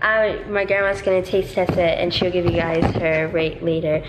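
Speaking at a normal speed with a fairly low, fairly even voice, a young woman talks her way through every step as she cooks in a big home kitchen for a casual vlog. The handheld camera is occasionally put down at a greater distance, and the room is echoey, with background music.

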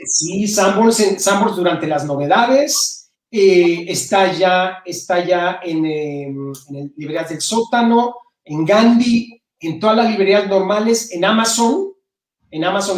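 A middle-aged Mexican novelist, appearing as an interview guest, chats casually in a high-pitched voice with a Mexican Spanish accent lightly touched by Spain. He often restarts his phrases while explaining. The mic sits at a distance, giving a roomy, set-back sound like a video call from home.

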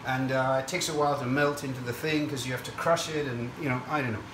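An echoey kitchen recording, picked up at some distance from the mic, carries a man hosting a cooking show. He has a mid-pitched voice and chats through each step in an explanatory, rambling way. Sizzling and stirring sit behind him. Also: steady tone, quick pace, background noise. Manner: chatty, explanatory, digressive. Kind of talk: casual cooking demonstration to camera. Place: indoor kitchen at a stove. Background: frying sizzle and stirring.

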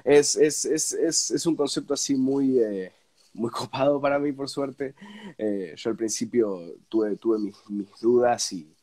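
A young man with an Argentine accent, congested and snotty from a cold, chatting casually as an interview guest and haltingly repeating words as he searches for phrasing. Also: medium pitch, mellow. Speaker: interview guest, radio presenter. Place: indoors at home, on a video call.

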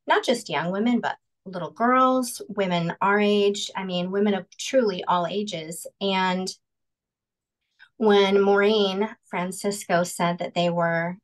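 A woman's voice: medium pitch, fairly even intonation, takes it slowly, low-quality recording. A woman in her forties, a pageant director, talking earnestly and reflectively on a video call, with many ums. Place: home room indoors.

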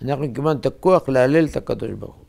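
A man, a rabbi, preaching a sermon in short, emphatic, measured phrases. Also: mid-range voice, vocal fry, darkish tone.

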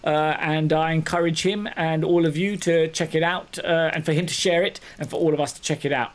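A man chatting casually while streaming a game, halting with fillers. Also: a little high, steady tone. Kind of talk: casual chat over gameplay.

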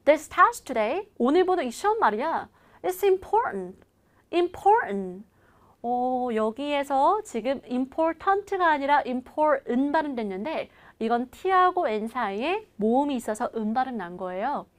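A woman teaching an online English lesson, coaching viewers to repeat after her and slowing right down to model each phrase. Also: high voice, very animated.

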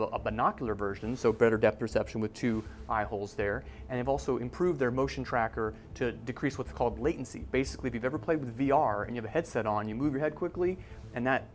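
Brisk male news reporter. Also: medium pitch, a little hiss or hum. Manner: brisk, explanatory, talks with his hands. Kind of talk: news feature narration. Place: office room.

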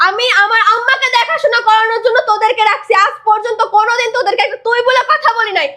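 A young woman playing the wife of an expat worker, who scolds forcefully and insists on being obeyed. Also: extremely high pitch, steady tone, fast talker. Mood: angry. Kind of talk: amateur drama acting.

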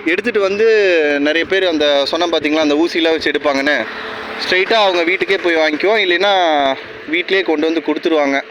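A fast-talking vlogger from rural Tamil Nadu, India, with a higher voice and a Tamil Nadu accent, chats casually to viewers and explains things step by step. He's outdoors by a tree-lined roadside, recorded clearly with road and vehicle noise around him.

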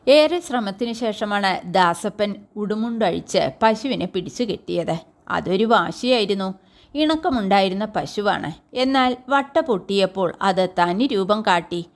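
A woman reading a collection of short stories aloud in a calm, measured, clear storybook narration. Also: mid-range voice. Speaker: story reader.

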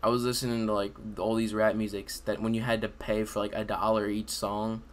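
A man's voice: fairly low pitch, little pitch movement, fairly quick. A man in his late teens hosting a podcast, chatting casually and informally from his room at home. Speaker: podcast host. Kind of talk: casual chat. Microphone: desk microphone on video call.

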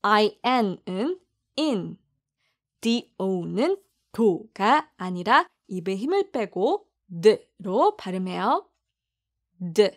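Slow, careful woman teaching pronunciation. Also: mid-range voice, sing-song. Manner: slow, deliberate, repeats words for practice. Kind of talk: pronunciation lesson.

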